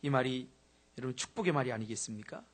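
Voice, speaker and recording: A middle-aged male pastor preaching an evening sermon, telling stories with animated, rising bursts of praise. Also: mid-range voice, quick pace, husky. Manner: animated, storytelling, shouts hallelujah. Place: church sanctuary.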